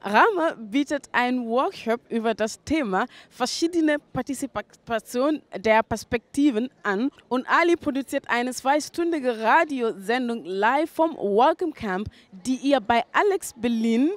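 A woman's voice: a little high, animated, a little slow, few pauses. A young woman reporter asking questions and presenting scripted reports with a handheld mic. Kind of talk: reporting and interviewing.

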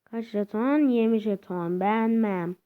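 A young woman giving casual, excitable commentary while playing a video game, swinging between cheering and complaining. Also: mid-range voice, unhurried, narrow, tinny audio. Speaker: gameplay commentator.

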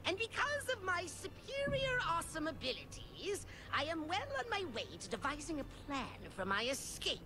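An actor playing a scheming little evil overlord in a game, shrill and theatrical, with game music behind. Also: male voice, huge pitch swings, moderate pace, few pauses, noisy background, heavily acted. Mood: triumphant.

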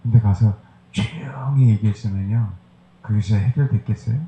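A man's voice: fairly low pitch, moderate pace, dark tone, echoey room, dull audio, slight background noise. A male pastor preaching a sermon, hammering his points with rhetorical questions to the congregation.

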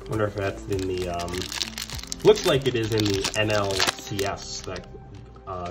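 Low-voiced man calling out cards. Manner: chatty, calls out each card name, upbeat when a good card appears. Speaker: card collector opening packs. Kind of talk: casual pack-opening commentary. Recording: background music under the voice.

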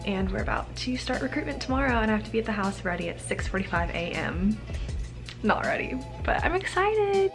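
A woman's voice: medium pitch, fast talker, gravelly, music in the background. An American woman in her early twenties chatting casually to her vlog camera in a bubbly sorority-girl way, peppering her talk with "like" and "literally.". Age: early 20s. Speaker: vlogger, college sorority member. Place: small bedroom, indoors. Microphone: camera at arm's length.

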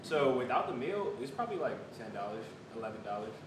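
A man's voice: very animated, fast talker. A man in his twenties with an American accent, casually reviewing food and chewing while talking. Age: 20s. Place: small bare room at a table, indoors. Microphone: camera several feet away. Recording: echoey room, distant mic, clear rumbling noise.

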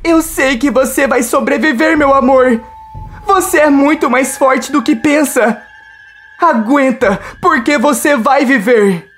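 A woman's voice: a little slow, fairly bright tone, soft background music. A woman voicing a tearful young woman. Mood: tender. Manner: pleading, raised pitch.

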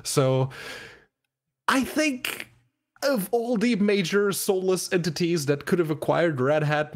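A man from Portugal, co-hosting a casual podcast in a rambling, hesitant way. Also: mid-range voice. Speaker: podcast co-host. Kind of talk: casual chat.

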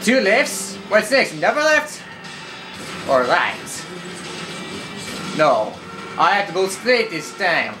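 A man's voice: high voice, sing-song, takes it slowly, pauses often, music in the background, rough recording. A man casually narrating a driving game, rambling and joking at himself while role-playing his character. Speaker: gameplay commentator.

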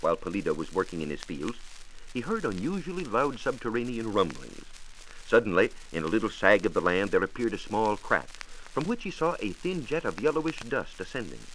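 Heard from a faintly noisy 1940s transcription disc, the narrator is an American science reporter reading a scripted radio programme with formal precision and emphasis. His voice is lowish and fairly bright.

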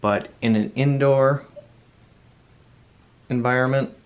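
A man gives a casual, unscripted product demonstration in an indoor room at home, rambling a little as he thinks aloud while reviewing the product. His mid-range voice is steady, slow and narrow, and the audio is tinny.

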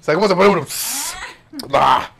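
A man's voice: mid-range voice, slight background noise. A young man with a Venezuelan accent telling a personal story in casual chat, acting out the dialogue as he goes. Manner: fast, animated, acts out quoted dialogue. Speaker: guest.

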